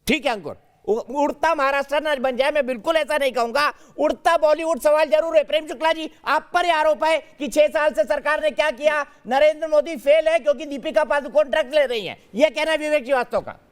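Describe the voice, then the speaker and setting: High-voiced man anchoring a heated debate. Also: fairly quick, hardly any pauses. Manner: firm, interrupting panelists to keep order.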